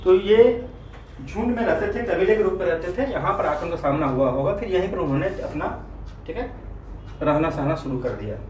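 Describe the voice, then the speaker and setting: A man's voice: fairly high pitch, lively intonation, a little mellow. A man teaching a history class, repeating key terms and often checking whether his students follow. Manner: keeps checking understanding with quick questions. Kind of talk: classroom lecture. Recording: echoey room, mic at a distance, faint noise.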